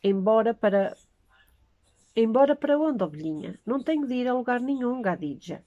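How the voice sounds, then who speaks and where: A woman's voice: fairly high pitch, lively intonation, moderate pace, no echo, muffled recording, natural voice. A woman reading the lines of a drunk, toothless, bearded man in a storybook, giving him a mocking, menacing drawl. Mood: leering.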